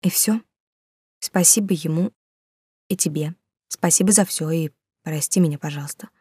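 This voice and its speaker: A woman voicing a guilty young woman who speaks softly and haltingly, close to tears, apologizing as she leaves. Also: sits low, slightly rough, dry recording. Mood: apologetic, strained. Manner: soft, halting, apologetic, near whisper. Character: young woman, guilty, tearful, leaving her lover.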